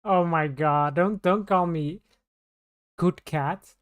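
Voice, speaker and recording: A woman streamer chats casually with her viewers, rambling and often restarting mid-sentence. Her voice sits low and sounds smooth and clear. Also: slow pace. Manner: rambling, scattered, with many restarts. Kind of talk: casual live-stream chat.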